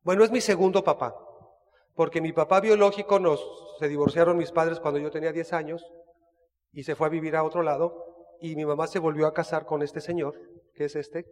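Mexican man, high voice, chatty storyteller with restarts, long room reverb. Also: steady tone, brisk. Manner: chatty, frequent restarts, asks listener asides. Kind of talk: casual personal storytelling.

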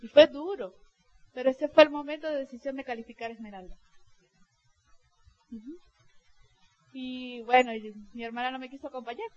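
A woman's voice: high-pitched, steady tone, normal speed, pauses often, darkish tone, dull audio. A middle-aged woman speaking to her sales team as a leader, telling personal stories in a heartfelt way and acting out quoted dialogue. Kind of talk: motivational testimonial talk.

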